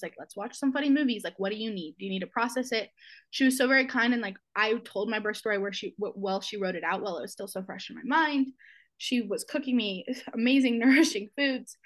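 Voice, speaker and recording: Young woman, podcast guest; personal story, emotional, halting, near tears; mid-range voice. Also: mid-range voice, fairly bright tone. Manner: emotional, halting, many fillers and restarts. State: close to tears.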